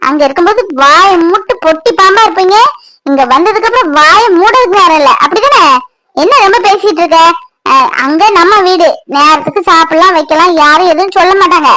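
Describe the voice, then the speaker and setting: A woman's voice: very high-pitched, fairly quick, pushed and bright, low-quality recording. Woman voicing a bossy scolding sister-in-law. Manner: scolding, demanding. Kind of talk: Tamil cartoon voice acting.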